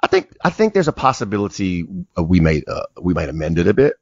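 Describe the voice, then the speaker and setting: A man co-hosting a casual chat show, animated and laughing, often stumbling over his words. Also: low voice, fast talker, vocal fry, no room sound, muffled recording. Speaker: co-host.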